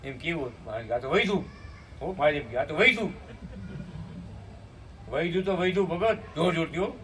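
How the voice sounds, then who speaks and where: A man giving a devotional storytelling sermon, slipping into slow chanted hymn lines and asking his listeners questions. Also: fairly high pitch, fairly bright tone. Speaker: spiritual speaker at a satsang. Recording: distant mic with faint room noise.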